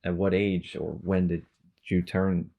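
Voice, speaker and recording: Deep-voiced man telling stories animatedly. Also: unhurried, narrow, tinny audio. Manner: animated storyteller, swears freely, acts out quotes. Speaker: podcast co-host. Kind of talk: casual podcast conversation.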